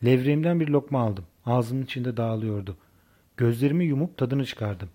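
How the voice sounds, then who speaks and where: Man, audiobook narration, calm even reading, mellow warm tone, mid pitch. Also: normal speed. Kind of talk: first-person novel narration.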